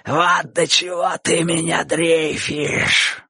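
A man doing a hoarse, mocking boy bully. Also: on the high side, animated, measured pace, no echo, clean studio sound, voice pushed up, exaggerated voice. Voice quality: hoarse, wheezy. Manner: mocking, shouting.

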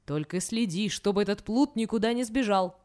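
A woman's voice: mid-range voice, moderate pace, a little mellow, lightly acted. A woman reading a folk tale aloud, voicing a harsh, short-tempered male king who gives scornful orders. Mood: grudging. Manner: commanding, scornful.

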